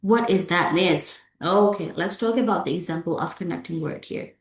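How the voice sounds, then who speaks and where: A woman's voice: on the low side, moderate pace. A woman with an Indonesian accent giving a pronunciation lecture, often checking in with "okay" and "yeah" and making small grammar slips. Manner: non-native grammar slips. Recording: roomy echo.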